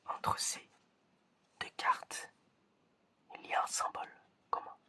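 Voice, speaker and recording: In this ASMR roleplay, the creator plays an examiner giving simple sense tests, whispering breathily with a bright, crisp edge. She's chatty and playful, speaking slowly, hesitating and repeating little phrases.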